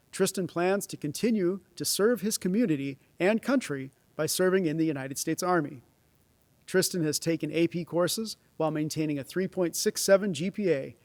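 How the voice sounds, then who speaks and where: Male knighting ceremony presenter, slightly high-pitched, formal scripted delivery, close and dry podium sound. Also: no room sound. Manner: formal read-out delivery, announcing names ceremonially. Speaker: presenter at a school honors ceremony. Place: stage of a large auditorium. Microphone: podium microphone.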